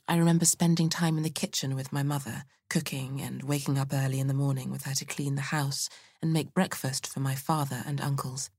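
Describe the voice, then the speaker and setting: A woman reads a first-person essay in a measured, earnest way. Her voice is notably low for a woman. The sound is close and dry, with no room around it. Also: a little mellow, dry recording. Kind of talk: scripted audiobook essay reading.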